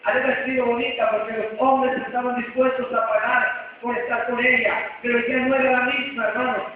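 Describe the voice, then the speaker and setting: A male preacher delivers a sermon, calling out questions to his congregation and acting out the people in his story. His voice sits very high and comes from far across a hall with long reverb. The recording is thin, phone-like and hissy. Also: flat delivery, brisk. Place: church hall.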